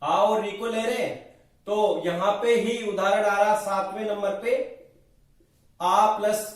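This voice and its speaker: A man's voice: high voice, steady tone, takes it slowly. A man teaching Sanskrit grammar in a lecture, explaining step by step and asking and answering his own questions. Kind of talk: classroom lecture at a board. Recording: very echoey room, mic far off.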